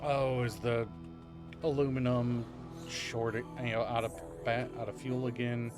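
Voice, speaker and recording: A man's voice: mid-range voice, flat delivery, unhurried. Male game streamer, average register, casual and repetitive as he reasons aloud, music playing behind him. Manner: thinking aloud, repeating phrases. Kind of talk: casual gaming stream chat.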